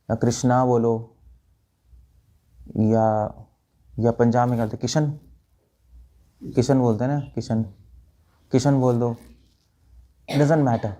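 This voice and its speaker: Man, monk lecturing, mellow warm tone, quizzes audience, demonstrates chanting. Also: medium pitch, fairly even intonation, takes it slowly, pauses often. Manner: questioning listeners, demonstrating chants. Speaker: monk teacher. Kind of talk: spiritual talk to an audience.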